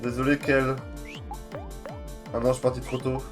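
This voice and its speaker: A man giving relaxed, self-mocking commentary while playing a video game. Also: mid-range voice, normal speed, music in the background. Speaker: let's play streamer. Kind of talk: casual gameplay commentary.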